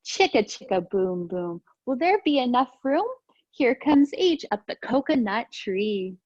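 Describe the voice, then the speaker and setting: A preschool teacher with a fairly high voice reads storytime books aloud for young children, going very slowly in an animated, sing-song, encouraging way with big pitch swings. Her voice is a little mellow. The recording is close, dry, dull, and lo-fi.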